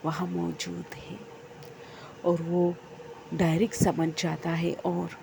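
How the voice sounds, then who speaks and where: A woman narrating a horror story in a calm, even storytelling manner. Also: lowish voice, gravelly, background noise.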